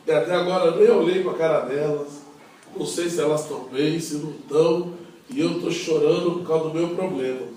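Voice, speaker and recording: A man minister tells a personal story to his audience in a lively, conversational way, tossing in little tag questions. His fairly high voice is caught from a distance. It rings through a very echoey room with a faint hiss underneath. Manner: animated anecdotal storytelling with frequent "né?". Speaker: minister giving a talk. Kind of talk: storytelling talk to a youth audience.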